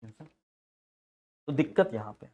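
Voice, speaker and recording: A man teaching accounting software in a casual class, telling stories with frequent laughs and acting out the people in them. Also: mid-range voice, lively intonation, unhurried. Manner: chatty storytelling, laughing often, acting out quoted people.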